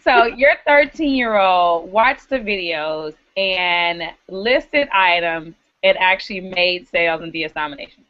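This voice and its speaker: A woman's voice: on the low side, animated, dry recording. A woman hosting a live online video hangout, upbeat and encouraging in casual chat. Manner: upbeat, encouraging, quick asides. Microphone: video call. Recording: dull lo-fi web call audio.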